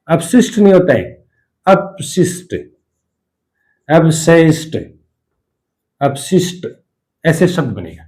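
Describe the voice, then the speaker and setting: A man with a Rajasthani Hindi accent, teaching a Hindi spelling lesson at a board, repeating each word and asking and answering his own questions. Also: a little high.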